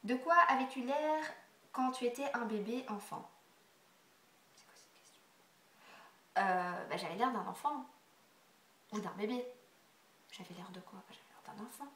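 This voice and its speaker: A young woman from Belgium answering a casual question tag for her vlog, with a stuffy congested nose, chatty and full of hesitant fillers, sometimes dropping to quiet asides. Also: on the high side, normal speed, long pauses, roomy sound, far from the mic. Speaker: beauty vlogger.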